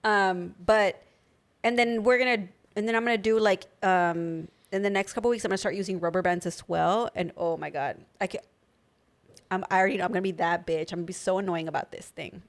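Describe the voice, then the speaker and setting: A woman's voice: medium pitch, fairly even intonation, fairly quick. A young woman co-hosting a podcast in casual chat, talking with a slight lisp from new dental aligners and lots of filler words. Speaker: podcast co-host.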